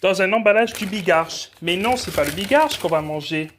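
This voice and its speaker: Young French food vlogger, chatty and rambling, lightly raised pitch, self-corrects constantly. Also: male voice, animated, moderate pace, fairly bright tone, slight background noise. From France. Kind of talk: casual tasting vlog.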